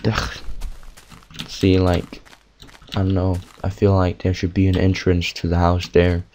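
A man's voice: low-pitched, completely flat delivery, moderate pace, mellow, slight background noise. A young man chatting casually and rambling over his own gameplay, swearing now and then. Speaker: gamer. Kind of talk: casual let's-play commentary.

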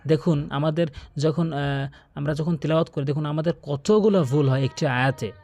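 A man's voice: on the high side, brisk, dark tone. A man teaching Quran pronunciation in a video lesson, earnestly repeating corrections and stretching out practice words.

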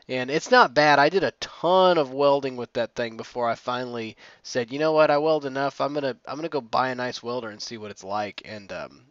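A man's voice: mid-range voice, a bit bright, no echo, lo-fi sound. A young man casually narrating a timelapse of his own welding work, rambling with plenty of ums and restarts. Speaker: DIY maker narrating his build.

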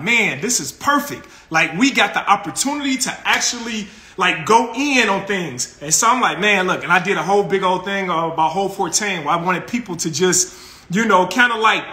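A man's voice: high-pitched, sharp tone, roomy sound. A man, hosting a casual live stream from his phone and greeting viewers with an upbeat, laughing manner. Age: 40s. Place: small room with colored lights, indoors. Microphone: phone camera close up.

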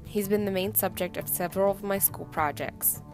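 A woman's voice: medium pitch, steady tone, moderate pace. Young woman narrating over guitar music. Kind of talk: scripted narration.

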